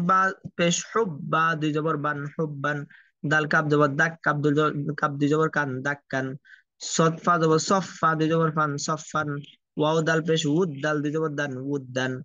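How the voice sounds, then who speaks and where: A fairly high-voiced man leads a Quran reading lesson. He drills each Arabic letter and vowel sign in slow, chanted repetition. The recording is dry and dull, with no room sound. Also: fairly bright tone, no echo. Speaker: Quran recitation teacher.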